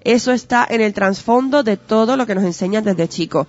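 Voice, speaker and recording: A woman with a somewhat high, darkish voice speaks a little quickly as a guest, explaining ideas in an earnest, teacherly, conversational way and asking lots of rhetorical questions. The lo-fi audio is dull, with faint music underneath.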